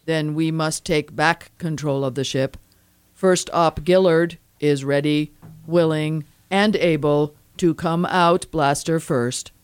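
An actor playing a male robot lieutenant who talks in a precise, mechanical monotone. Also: fairly high pitch, slow, clean tone, no room sound. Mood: flat.

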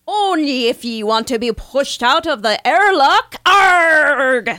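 A woman's voice: sits high, animated, slow pace, sharp tone, dry recording, clean studio sound, full character voice. An actress playing a prim, overly polite female space pirate who snaps into a growling pirate bark. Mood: piratical.

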